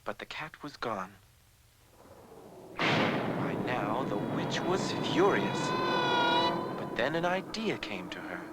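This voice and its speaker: A man narrating a scripted fairy tale as a measured storyteller. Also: mid-range voice, big pitch swings, heavy background noise.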